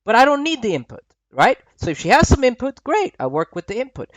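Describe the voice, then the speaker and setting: A Swedish man in his thirties speaks in an extremely high voice with wildly swooping pitch, fairly quick and fairly bright, with no echo. He's a dating coach giving laid-back voice-over commentary recorded separately from the footage, often checking in with "right?".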